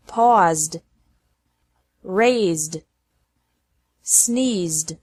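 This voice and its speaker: A woman teaching English pronunciation, reading out slow word lists with careful, deliberate enunciation. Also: medium pitch, no room sound. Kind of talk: slow scripted instruction, drilling word lists.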